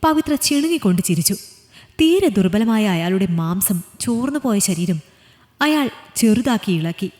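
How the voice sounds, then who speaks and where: A woman narrating a story in a measured, scripted reading. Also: mid-range voice, lively intonation, a little mellow, in a large hall.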